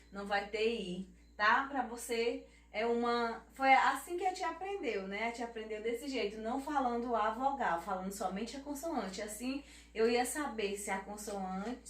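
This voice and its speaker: A Brazilian woman teaches small children in a slightly high, gentle voice, stretching each word out slowly. She keeps checking in with tag questions and speaks with an affectionate, auntie-like manner. The sound is roomy and echoey, caught from some distance off the mic. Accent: Brazilian Portuguese. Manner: slow, drawn-out word spelling with tag questions; affectionate teacher talk, calls herself auntie. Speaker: primary school teacher. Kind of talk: children's lesson.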